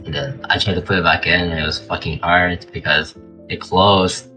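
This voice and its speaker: A man's voice: low voice, steady tone, moderate pace, bright, forceful tone, faint music behind, rough recording. A man of twenty, co-hosting a podcast, telling stories in loose, profane casual chat. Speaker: podcast co-host.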